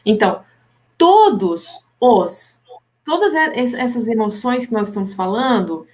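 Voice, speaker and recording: Therapist lady chatting on a live, animated, slightly high voice. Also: a little slow. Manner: animated, acts out imagined people's lines with pitch jumps. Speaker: hypnotherapist. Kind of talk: casual live-stream chat.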